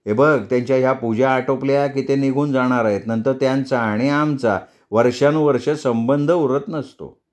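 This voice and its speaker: A man voicing an older mother-in-law who talks slowly, bossily and scolds in a storybook reading. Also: medium pitch, steady tone, natural voice. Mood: bossy. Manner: bossy, slow and scolding.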